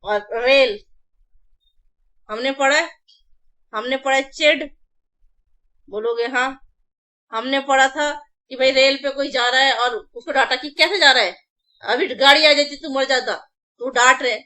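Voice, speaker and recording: A woman's voice: sits high, unhurried, pauses often, sharp tone. A woman vocabulary teacher giving an online exam-prep class, chanting word lists over and over and explaining memory tricks in casual Hindi mixed with English. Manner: drills word lists in repeated chanting runs; addresses students familiarly.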